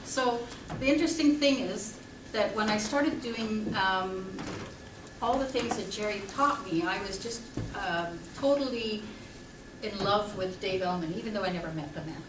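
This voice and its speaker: A woman's voice: medium pitch, normal speed. A woman from Canada, born in Belgium, speaking chattily on a conference panel. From Belgium, raised in Canada. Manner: chatty, laughs easily. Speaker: panelist, hypnotist. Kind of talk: panel talk. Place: conference hall. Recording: echoey hall, distant mic, background noise.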